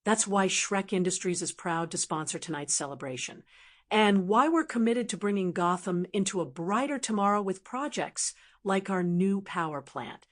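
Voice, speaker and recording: A woman voicing a slick male businessman giving a public speech with practiced warmth. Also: medium pitch, animated, normal speed, natural voice. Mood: oratorical. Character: smooth, lying male businessman making a speech.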